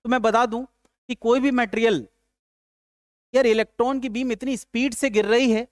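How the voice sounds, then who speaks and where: With a very high, steady voice at a moderate pace, a male physics teacher gives a casual lecture in a dry recording with clean studio sound. He's chatty and jokes with students, addresses them as "yaar," and asks questions only to answer them himself.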